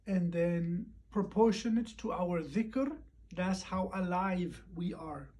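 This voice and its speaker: A hoarse man who is losing his voice gives a casual, reflective recap of a Friday lecture at home, pausing often and using fillers. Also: high-pitched, darkish tone. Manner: unhurried and reflective, with frequent pauses and fillers.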